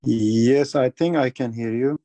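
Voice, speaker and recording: Man from Turkey, shy, halting, simple phrasing, mellow tone, dry sound. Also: mid-range voice, steady tone, no echo. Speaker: student. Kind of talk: halting self-introduction.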